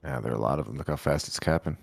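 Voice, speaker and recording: A man's voice: a bass voice, rapid-fire, creaky, breathy edge, no room sound. A man on voice chat in a game, giving short callouts and dry remarks to his teammate.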